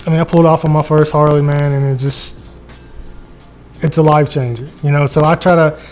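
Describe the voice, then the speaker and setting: An American man talks casually as an interview guest, sounding like an earnest, folksy salesman. His voice sits a little high, with faint music behind it. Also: steady tone, a little fast. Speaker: motorcycle salesman being interviewed. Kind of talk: casual chat.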